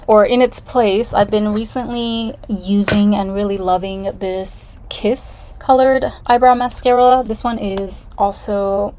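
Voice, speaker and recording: A woman's voice: mid-range voice, steady tone, measured pace, few pauses, mellow, slight background noise. A woman vlogging casually from home, reviewing beauty products in a rambling, candid way with self-deprecating asides.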